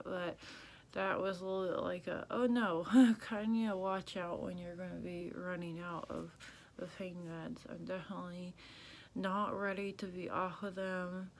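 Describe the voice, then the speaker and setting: A tired, congested woman vlogging casually and haltingly, with restricted jaw movement as if her mouth were banded shut and swollen. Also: fairly low pitch, vocal fry, slight background noise. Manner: slow, halting, subdued. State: sore, swollen mouth after jaw surgery. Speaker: video blogger. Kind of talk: casual recovery vlog.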